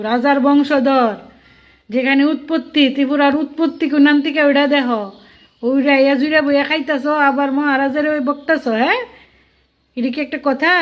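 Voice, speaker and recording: A woman delivering a scolding, mocking political rant full of rhetorical questions. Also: sits high. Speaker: political commentator. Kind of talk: ranting political monologue. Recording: dull lo-fi sound.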